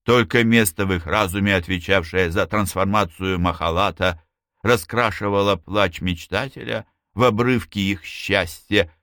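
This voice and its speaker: A man reading a novel aloud as an audiobook narrator, in an expressive storytelling manner. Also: low-pitched, normal speed, dry recording, studio quality. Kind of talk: scripted narration.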